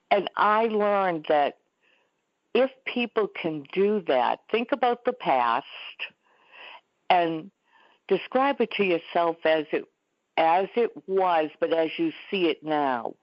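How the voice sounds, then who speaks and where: A woman's voice: deep voice, no room sound, highs cut off. A woman in her seventies, a talk show guest telling stories in a chatty way. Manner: chatty, storytelling. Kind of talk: interview conversation. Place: Florida.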